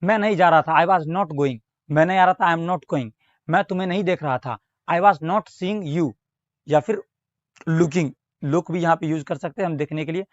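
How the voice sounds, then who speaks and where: A man with an Indian accent teaching English grammar in Hindi, reading example sentences slowly and carefully. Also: on the high side, no echo. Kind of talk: Hindi-language grammar lesson with spoken examples. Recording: dull, slightly lo-fi recording.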